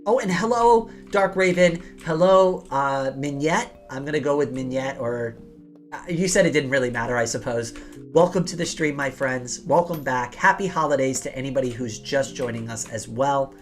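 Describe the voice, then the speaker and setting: A woman hosts a game livestream from her home office, chatting casually and talking through her plans as she plays while music runs in the background. Her bass voice, at normal speed, is rough, slightly hoarse and rattly after days of coughing.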